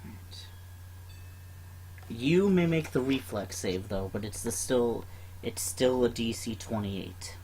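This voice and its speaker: A man's voice: mid-range voice, animated, slow pace, long pauses, a little mellow, slight background noise. A man running a tabletop game in casual chat, often hesitating and fumbling with numbers.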